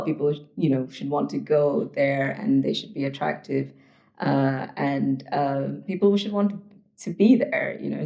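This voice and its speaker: A woman's voice: very deep voice, creaky, mellow. A woman hosting a podcast interview, enthusiastic and chatty, with many ums and uhs. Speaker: podcast host. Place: indoor venue in London.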